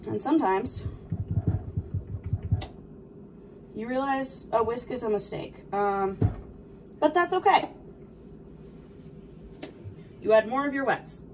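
Young woman as a cheerful video game princess, dainty cooking-tutorial delivery, high and lively, recorded at a distance in a kitchen. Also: moderate pace. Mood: thoughtful, instructive. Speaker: host of a baking video. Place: small home kitchen, indoors. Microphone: camera a few feet away. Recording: distant mic, noticeable background noise.

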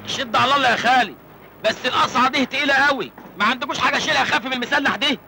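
An actor playing a cheeky, penniless young Egyptian villager in a 1980s film comedy, whiny and wisecracking. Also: male voice, very high voice, rapid-fire, creaky, bright, forceful tone, a little hiss or hum, heavily acted. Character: cheeky penniless village man, mid-twenties.

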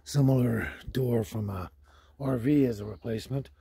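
A Canadian vlog host, an older man, talks casually and unscripted to camera, hesitating and rambling, from a forest campsite and the inside of a vehicle canopy. He speaks at normal speed in a warm, medium-pitched voice with no room sound, though the handheld outdoor audio picks up clear background noise.

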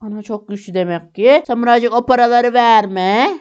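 A man hosting a game video, casually narrating and role-playing, talking excitably to viewers. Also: very high voice, moderate pace, clean tone. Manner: excitable, exclaiming, addresses viewers. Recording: lo-fi dull sound.

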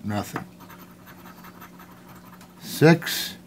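A middle-aged American man giving casual, halting commentary to camera in short phrases, recorded at home. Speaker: vlogger. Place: indoors at home, at a tiled table. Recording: clearly noisy home recording. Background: noise and scratching sounds.

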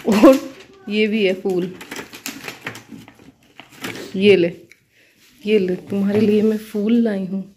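A chatty mother vlogs from her home kitchen, talking to her phone camera in an easy, everyday way. She laughs often and slips into playful cooing when she turns to her kids. Her voice sits at a middling pitch, with a faint hiss of noise behind it. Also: fairly even intonation, takes it slowly, long pauses, mellow. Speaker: vlogger and mother. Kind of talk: casual home vlog chat.

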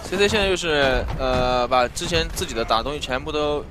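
A man's voice: on the high side, lively intonation. A man giving live esports color commentary, breaking down team tactics and asking his co-caster pointed questions. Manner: fast analytical talk, posing questions to co-caster.

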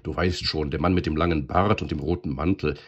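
A practical, soothing gnome mother from a storybook, read by a man in a low, husky voice. She stays gently in charge. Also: fairly even intonation, fairly quick, highs cut off. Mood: calm. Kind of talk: storybook reading.

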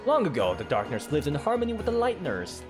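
A man's voice: on the high side, huge pitch swings, fast. A man reading as a weary old shopkeeper creature. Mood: resigned. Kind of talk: video game dialogue read aloud. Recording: game music behind voice.

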